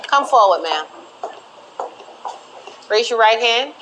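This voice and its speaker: A woman's voice: fairly high pitch, expressive, takes it slowly, background noise. A woman TV court judge questioning people in a stern, authoritative manner.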